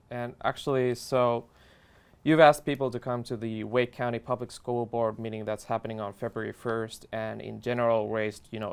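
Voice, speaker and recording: A man's voice: on the low side, vocal fry, smooth. A young man interviewing a candidate, polite and a little hesitant with fillers. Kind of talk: interview questions.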